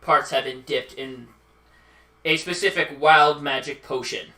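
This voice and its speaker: A man's voice: mid-range voice, a little slow, bright, forceful tone, reverberant, recorded from a distance. A man running a tabletop game as game master, laughing often and restarting his sentences.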